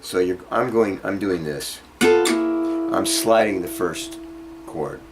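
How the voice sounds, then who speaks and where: Loud acoustic or jazz guitar sounds alongside a man's deep voice as he gives an informal guitar lesson in poor audio. He takes it slowly, explaining each part hesitantly while he demonstrates.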